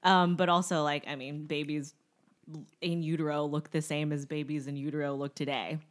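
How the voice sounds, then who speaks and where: A woman's voice: low-pitched, flat delivery, moderate pace. Chatty young woman podcast co-host. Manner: chatty, many fillers, laughs easily. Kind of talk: casual chat.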